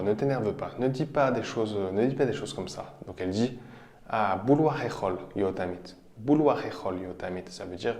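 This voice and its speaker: A man teaching vocabulary, explaining each example patiently and repeating phrases slowly. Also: fairly low pitch, darkish tone. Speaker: language teacher. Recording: roomy echo.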